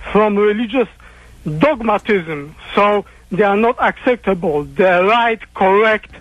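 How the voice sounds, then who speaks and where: A man's voice: high-pitched, lively intonation, unhurried, no echo. A man from Colombia with a Colombian accent, calling in to a radio show and ranting in dogmatic, formal, stilted diction. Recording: dull lo-fi phone call on radio.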